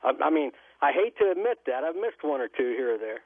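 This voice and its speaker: A man's voice: on the high side, very animated, fast talker, slightly rough. A man calling in to a talk show over a landline phone, chatting in a rambling, folksy way. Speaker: caller. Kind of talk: casual call-in chat. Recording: tinny phone line.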